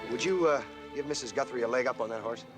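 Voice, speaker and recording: An actor playing a brisk, impatient husband in a 1960s television drama. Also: male voice, mid-range voice, natural voice. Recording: old TV soundtrack with music.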